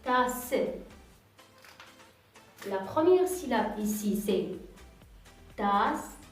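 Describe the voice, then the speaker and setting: A woman teacher giving a reading lesson to young children, patiently repeating each syllable slowly and clearly. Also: medium pitch, animated. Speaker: kindergarten teacher. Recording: echoey room, voice from far off, faint music.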